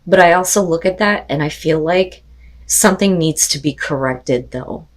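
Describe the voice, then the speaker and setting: Her deep voice is slightly hoarse because she's been losing it, and she talks at a moderate pace. This tarot reader does a casual card reading, chatting away and peppering her speech with "like" and "you know."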